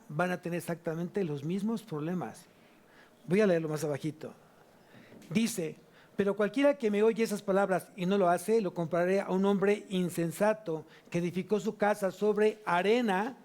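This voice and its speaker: A male pastor with a Mexican Spanish accent delivers a sermon in a noticeably high voice. He keeps putting rhetorical questions to his listeners and slows right down to stretch out the words he wants to land. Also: a little mellow. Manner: asks the congregation many rhetorical questions, stretches key words slowly. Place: church service.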